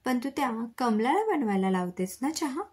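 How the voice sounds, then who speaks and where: A strict middle-aged father, worn out after work, speaks, as a woman reads his part. The voice stays breathy and soft. He gives short, firm requests in a storybook manner. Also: high voice, sing-song, normal speed, voice pushed up, full character voice. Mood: weary. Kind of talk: storybook reading.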